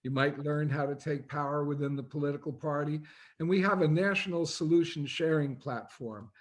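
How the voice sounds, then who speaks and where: A man's voice: fairly high pitch, brisk. A man presenting on an online webinar, explaining things in an earnest, persuasive way.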